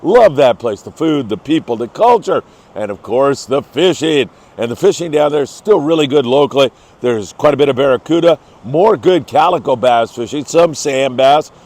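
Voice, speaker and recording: A man's voice: mid-range voice, expressive, moderate pace, hardly any pauses, darkish tone. Upbeat, effusive male fishing show host. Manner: upbeat, effusive travel show host style, gushing about scenery and fishing. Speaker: sport fishing report host. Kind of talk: upbeat fishing report to camera.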